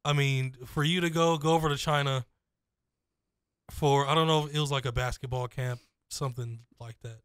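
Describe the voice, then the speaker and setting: A young man co-hosting a casual sports talk show, opinionated and emphatic, speaking into a boom mic in a small studio. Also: steady tone, moderate pace, smooth, no echo. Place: small studio with foam panels. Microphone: studio mic on boom arm, headphones.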